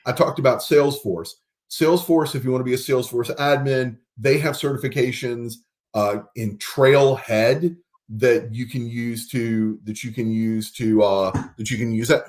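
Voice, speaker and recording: A man hosts a casual podcast chat. His voice sits at an ordinary middle pitch. He explains patiently and spells words out letter by letter when it matters. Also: steady tone, normal speed, darkish tone. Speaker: podcast host.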